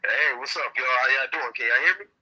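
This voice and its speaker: A man's voice: mid-range voice, fast talker, bright, forceful tone, husky, dull audio. A man calling in over a phone on speaker, chatting casually and dropping in "you know" a lot. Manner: laid-back, drops in "you know" often. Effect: heard over a phone on speaker. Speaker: caller joining the conversation. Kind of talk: casual chat.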